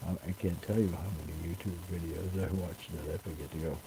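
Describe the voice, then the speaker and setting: A man in his seventies, chatting calmly and rambling on a live stream, his voice fuzzed by distortion from a cheap headset mic. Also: deep voice, brisk, background noise. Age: 70s. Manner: calm, musing. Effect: fuzzy audio distortion from a cheap headset mic. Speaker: livestreamer.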